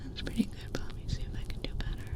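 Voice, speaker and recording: Playing a gentle, comforting ear clinician, this woman whispers softly through an ASMR ear cleaning role-play, delivering it in a rapid-fire way.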